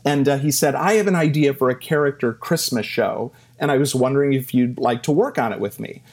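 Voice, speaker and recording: Middle-aged male interview guest, mid-pitched, animated storyteller who acts out quotes and laughs at himself. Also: brisk. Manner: animated anecdotes with self-deprecating laughs and acted-out quotes.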